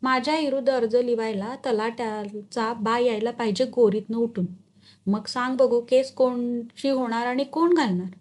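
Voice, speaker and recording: A woman's voice: a little high, fairly even intonation, moderate pace, a little mellow, close to an everyday voice. Jaysingrao, a woman doing a boastful village headman. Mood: proud, boastful. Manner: boastful rustic village dialect. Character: proud stubborn village headman, male, middle-aged.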